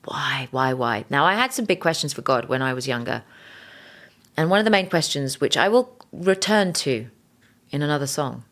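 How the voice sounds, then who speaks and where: A woman's voice: low-pitched, expressive, moderate pace, a bit bright. A woman podcast host and singer-songwriter telling an earnest, openly emotional faith story, restarting her sentences often. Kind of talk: personal faith testimony.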